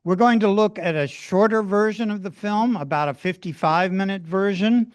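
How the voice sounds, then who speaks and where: A man with a clean, resonant voice and a slightly raised pitch opens a library film evening. He speaks in an earnest, measured way and works through long lists of thanks. The sound is dry and close, with little room echo. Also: smooth. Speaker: event organizer introducing a film screening. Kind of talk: public event introduction. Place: public library event room.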